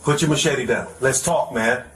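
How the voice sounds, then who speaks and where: A male police officer negotiating calmly, repeating the same pleas over and over inside a building. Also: medium pitch, normal speed. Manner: calm, insistent, repeats pleas. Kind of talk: crisis negotiation. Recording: echoey body camera audio with background noise.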